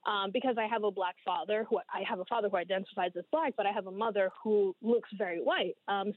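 Woman in her thirties, interview guest, thoughtful, phone-line sound, mid pitch. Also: no echo. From Dominican Republic. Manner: measured, thoughtful, with frequent ums. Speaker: guest writer. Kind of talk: interview answers.

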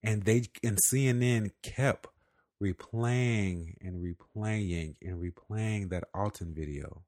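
A man's voice: on the low side, slow, a little mellow, dry recording, studio quality. A man co-hosting a podcast, talking in an earnest, reflective way with casual fillers. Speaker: podcast co-host.

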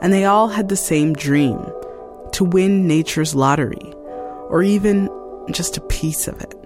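A man giving scripted, measured documentary-style narration of a true story. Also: high voice. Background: music.

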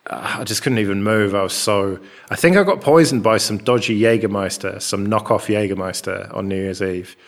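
An English man chatting casually and rambling a bit, recorded with a big hall echo in a large, open flat with a concrete floor. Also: on the low side, normal speed, hardly any pauses. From England. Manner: rambling and chatty, with many fillers. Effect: big hall echo from an enormous, bare room. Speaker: podcast co-host. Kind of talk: casual chat.

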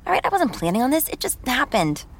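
A woman's voice: high voice, very animated, fast, gravelly, heavily acted. An actress voicing a young American woman on a work trip, narrating her own story in the first person with a wry, self-deprecating manner. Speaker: narrator and lead.

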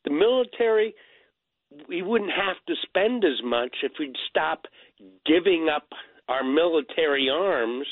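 A man's voice: on the high side, animated, measured pace, no room sound. A man calling in to a radio show over the phone. He talks insistently and corrects others bluntly. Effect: phone call heard over the radio. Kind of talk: call-in radio conversation. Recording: tinny phone line.

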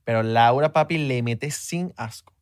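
A man's voice: medium pitch, a little slow, dry recording, studio quality. A man with a Venezuelan Spanish accent, co-hosting a podcast and telling stories in easygoing, slangy casual chat. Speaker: podcast co-host.

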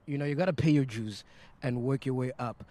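A man's voice: medium pitch, brisk, warm tone. A man hosting a casual, sweary interview chat. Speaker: interviewer, host.

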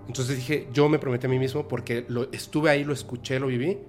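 A man hosting a podcast, telling a personal story in a halting, emotional way with many restarts. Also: mid-range voice, level tone, soft background music. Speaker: podcast host. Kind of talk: personal storytelling in a casual chat.

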